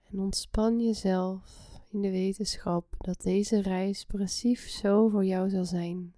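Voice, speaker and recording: A woman guiding a relaxation meditation in a soft, soothing, breathy half-whisper. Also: mid-range voice, steady tone, slow pace, no echo. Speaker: guided meditation host.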